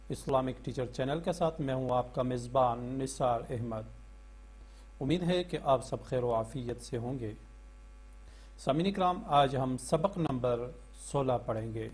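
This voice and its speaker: A male Quran teacher who hosts a channel, chanting letter-by-letter recitation slowly and explaining the rules in quick speech. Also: darkish tone. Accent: Pakistani Urdu. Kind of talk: Quran reading lesson with chanted spelling. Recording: low electrical hum.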